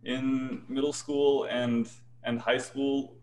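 A young adult man with a light, mid-range voice, a choir bass singer and guest, talks casually and animatedly over a video call from a small bright room at home, restarting sentences and laughing often. His delivery is flat, slow and a little mellow, on a rough recording with slight background noise.

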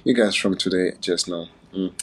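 A Ugandan man hosts a playful, casual livestream from his phone, chatting and laughing often. His low voice has a breathy edge and a moderate pace, and the recording is rough.

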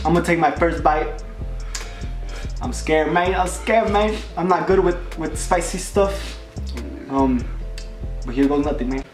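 High-voiced young man in an echoey room. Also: measured pace, long pauses. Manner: jokey, reads quiz questions aloud. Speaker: vlog host. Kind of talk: casual challenge vlog. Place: bowling alley. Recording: roomy echo with music behind.

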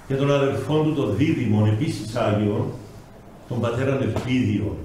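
An older man with a Cypriot Greek accent, a bishop giving a sermon, telling stories and swinging between loud and hushed. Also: medium pitch. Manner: storytelling, acting out quoted voices, swings from loud to hushed. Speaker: bishop preaching. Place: small chapel, heard from a distance. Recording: echoey chapel, mic far off, faint hiss.

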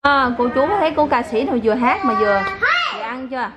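A woman's voice: high-pitched, animated, fast. A young mother filming a casual family vlog at home, playfully coaxing and praising her children as they eat. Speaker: mother and vlogger. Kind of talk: casual family vlog, talking to kids and viewers. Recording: loud background noise.

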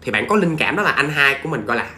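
A man's voice: mid-range voice, big pitch swings, very fast, sharp tone, roomy sound. A man with a Southern Vietnamese accent telling a ghost story in a chatty, familiar way to his listeners. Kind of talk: casual spoken storytelling.

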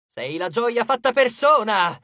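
A man voicing a defiant teenage boy demigod who shouts mocking taunts in an audiobook. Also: very high voice, expressive, unhurried, no room sound, clean studio sound, voice pushed up, full character voice. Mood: taunting.

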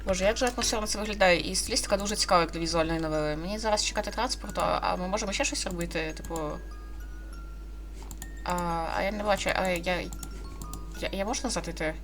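Faint music plays behind a woman with a lowish, fairly bright voice who talks fast. In her twenties, she's a gaming video host offering casual let's-play commentary and reading game dialogue aloud. Her delivery is hesitant and rambling, with frequent self-corrections.

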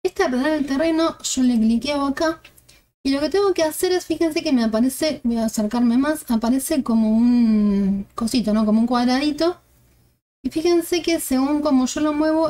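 A woman with a fairly high voice talks through a game tutorial. She explains each step calmly and thinks aloud while she works on screen.

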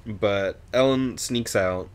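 A man's voice: lowish voice, slow pace, clean tone. A man co-hosting a book podcast, recapping chapters in a rambling, profane way with frequent laughs. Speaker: podcast co-host. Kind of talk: casual book discussion.

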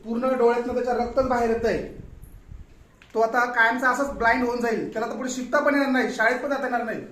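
A woman's voice: fairly high pitch, little pitch movement, quick pace, fairly bright tone. A woman preschool teacher in a staged classroom skit, teasingly and insistently questioning the children. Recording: echoey room, far from mic, noisy.

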